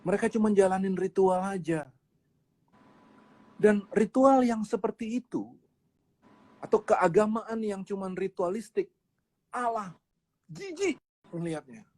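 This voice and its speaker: Emphatic pastor. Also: male voice, high-pitched, unhurried, long pauses, a little mellow. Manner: emphatic, conversational, with rhetorical questions. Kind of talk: casual livestream sermon.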